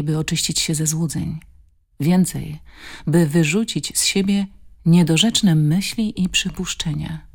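A woman narrating an audiobook in a calm, measured, expressive reading style. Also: sits low, gravelly, breathy edge. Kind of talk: scripted narration.

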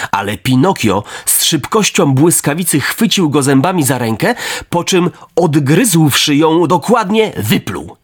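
A man narrating a storybook in an expressive, dramatic reading style. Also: fairly high pitch, slightly rough.

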